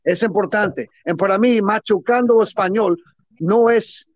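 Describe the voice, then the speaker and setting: A cigar businessman appearing as a guest gives closing remarks in a casual interview, speaking enthusiastically in broken, halting Spanish, which is his second or third language. His voice is high, and the recording is dry and slightly dull with no room echo.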